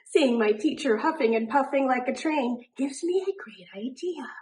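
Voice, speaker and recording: A woman reading a children's picture book aloud in an animated way, drawing out words for emphasis. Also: sits high. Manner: animated, deliberate, drawn-out emphasis on rhyming words. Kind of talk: expressive children's storybook narration.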